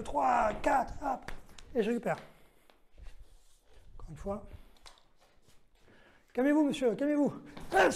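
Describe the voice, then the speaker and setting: A man's voice: high-pitched, darkish tone. A man leading a self-defense lesson, explaining each move step by step while demonstrating and counting the moves aloud. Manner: explains step by step, checks in with "d'accord?".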